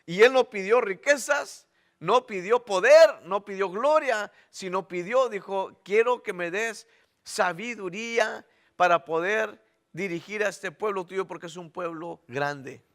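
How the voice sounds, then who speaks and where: A man's voice: sits high, measured pace, fairly bright tone. A middle-aged man preaching a conversational sermon, often stopping to check in with the congregation. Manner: conversational, many restarts and "¿ok?" checks. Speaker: pastor. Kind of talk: Spanish-language sermon.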